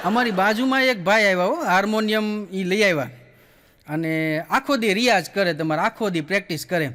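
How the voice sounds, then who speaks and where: A man's voice: sits high, normal speed, fairly bright tone, long reverb tail. A man with a Kathiawadi Gujarati accent telling jokes on stage as a folksy storyteller, acting out the people in his stories. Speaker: comedian. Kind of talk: stand-up joke telling.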